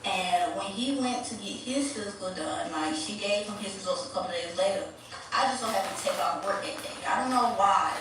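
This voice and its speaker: A woman's voice: mid-range voice, fairly quick. Woman telling a candid story, echoey and distant. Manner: candid, rambling, swears freely. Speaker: vlogger. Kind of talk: casual storytime. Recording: roomy echo, distant mic, ambient noise.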